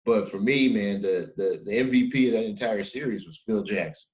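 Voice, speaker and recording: Man, middle-aged, podcast host, casual chat, emphatic, fairly low voice. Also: normal speed, a little mellow, poor audio. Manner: emphatic, peppers speech with "man".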